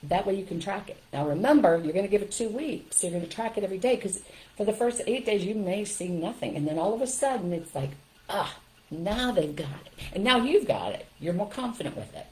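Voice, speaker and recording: An older woman giving parenting advice in a direct, lively way, often checking in with "okay?" and "right?". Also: mid-range voice, fairly quick, rough recording. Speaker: parenting coach.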